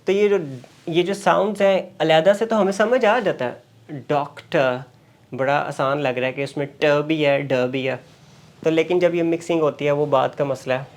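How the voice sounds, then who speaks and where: A man's voice: a little high, steady tone. Man drilling sounds in a lecture. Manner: repeats single sounds slowly and mixes Urdu with English. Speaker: English pronunciation teacher.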